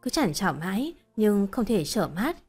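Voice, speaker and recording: A woman reading a short story as narrator in a steady, even storytelling voice. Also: medium pitch, unhurried, husky, faint music behind.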